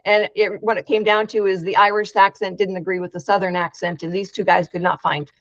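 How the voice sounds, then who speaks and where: A woman's voice: mid-range voice, flat delivery, a little fast, no echo. A woman running an inventors' meetup, talking frankly in casual chat, with lots of fillers and restarts. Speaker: meetup organizer. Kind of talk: casual video-call chat. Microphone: video call. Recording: dry, dull video-call audio.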